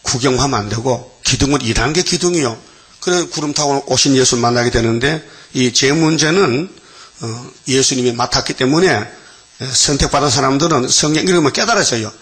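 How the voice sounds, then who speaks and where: A man's voice: mid-range voice, a little fast, fairly bright tone. A man preaching a dawn-service sermon in a folksy, conversational way, often tossing questions to his listeners. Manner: folksy, peppers talk with questions like "huh?". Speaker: pastor.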